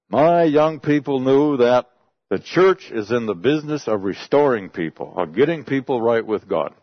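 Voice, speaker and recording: Speaking in a mid-range voice, this missionary, a man whose first language is English, shares stories of his work with a congregation in a homey, chatty way. The audio is dry, with a dull lo-fi quality.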